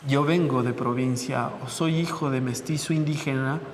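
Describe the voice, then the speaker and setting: A man's voice: medium pitch, steady tone, moderate pace, in a large hall, a little hiss or hum. A man, talking in a conversational, anecdotal way in a documentary interview.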